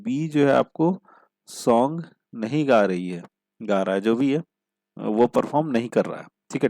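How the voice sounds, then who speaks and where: A man teaching a logic puzzle step by step, asking questions and answering them himself, and reading the problem statements slowly. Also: medium pitch, darkish tone, no echo. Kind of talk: step-by-step puzzle-solving lesson.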